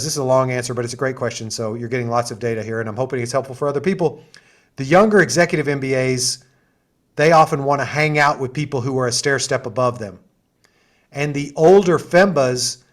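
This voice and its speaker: On a video call, a middle-aged man acting as assistant dean hosts an info session and explains programs with lots of asides and fillers. He sounds chatty and enthusiastic, and his voice sits a little high.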